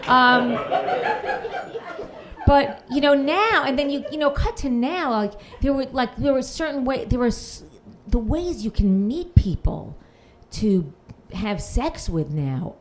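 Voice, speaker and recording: A woman's voice: high voice, animated, takes it slowly. A woman from Queens doing a dry, self-mocking stand-up set on a comedy panel show. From Queens, New York. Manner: dry, self-mocking, reads messages aloud with sarcasm. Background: audience laughter.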